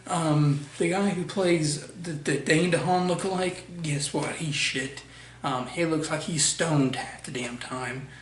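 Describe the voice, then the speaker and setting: A man's voice: on the high side, measured pace. A young man giving a casual movie review, blunt and profane, often restarting his sentences. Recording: roomy echo, voice far from mic, faint noise.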